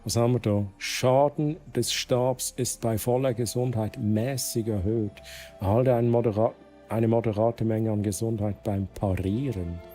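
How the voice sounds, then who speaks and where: A man's voice: on the low side, fairly even intonation, unhurried, mellow, faint music behind. A man with a Swiss German accent streaming a game, chatting casually with viewers, laughing often and reading the game's text aloud. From Switzerland. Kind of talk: casual gameplay commentary.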